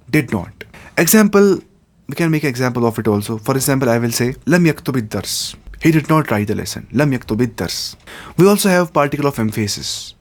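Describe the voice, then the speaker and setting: A man gives a grammar lesson in a medium-pitched voice, stopping to repeat every term and example. He glosses each word in English and builds slowly toward the larger picture. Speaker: Arabic teacher.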